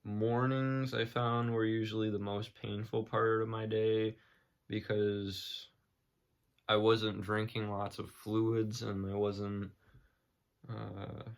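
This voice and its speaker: A man's voice: lowish voice, gravelly. A young man talking casually in an unscripted vlog, hesitant and matter-of-fact as he shares his experience. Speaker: vlogger sharing personal recovery experience.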